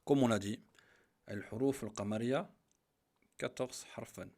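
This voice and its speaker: Man, teacher, patient, slow repeated examples, mid-pitched voice. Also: darkish tone. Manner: patient, repeats each example slowly and stresses the Arabic words. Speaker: Arabic teacher. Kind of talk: grammar lesson.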